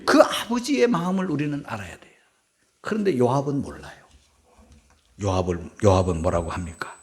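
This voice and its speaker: A man preaching an emotional sermon as pastor, swinging from cries to hushed whispers and asking the congregation for assent. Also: mid-range voice, very animated, moderate pace.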